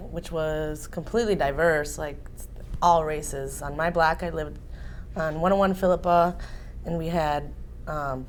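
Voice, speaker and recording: A woman in her forties from Illinois, interviewed, talking casually and softly with many fillers. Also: deep voice, a little hiss or hum. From Waukegan, Illinois. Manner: soft-spoken, many ums and likes.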